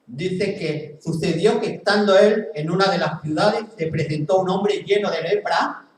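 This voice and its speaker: A man's voice: sits high, a little slow, a little hiss or hum. A male pastor with a Spain Spanish accent preaching earnestly in a church hall, repeating phrases for emphasis. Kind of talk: sermon. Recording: very echoey hall, mic far off.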